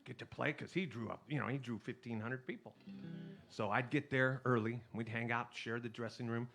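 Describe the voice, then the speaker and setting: A middle-aged man from California telling jokey stories to a live audience on stage, chatty and animated, with restarts. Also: mid-range voice, normal speed, creaky, soft background music. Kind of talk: stage storytelling with jokes.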